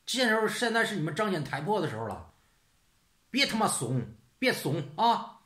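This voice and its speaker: Brief: blunt, sarcastic man, somewhat high, lively pitch, swearing casual rant, echoey room. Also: fairly quick. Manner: rhetorical questions, "是不是" tag. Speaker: channel host. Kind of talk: casual ranting monologue. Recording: roomy echo.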